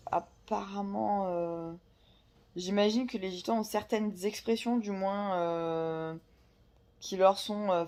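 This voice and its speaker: A woman's voice: lowish voice, darkish tone. A woman chatting casually about a book she is reading, hesitant, with many fillers and restarts. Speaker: book vlogger. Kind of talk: casual chat about books.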